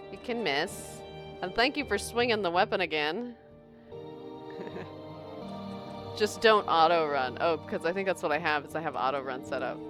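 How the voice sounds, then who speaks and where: A woman streamer giving casual, playful gameplay commentary, chatting to viewers and thinking aloud. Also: on the low side. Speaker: game streamer.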